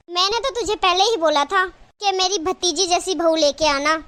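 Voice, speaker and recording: A woman's voice: extremely high pitch, bright, forceful tone, heavily acted. A woman voicing a scolding, taunting middle-aged village mother-in-law in a cartoon. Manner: nagging, taunting. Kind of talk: cartoon voice acting.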